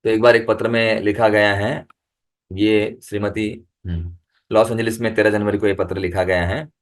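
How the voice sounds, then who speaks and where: A man giving a devotional discourse over a video call, reading letters aloud slowly and then explaining them. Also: lowish voice, level tone. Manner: chants the holy name in a rising, lifted voice. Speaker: devotional speaker.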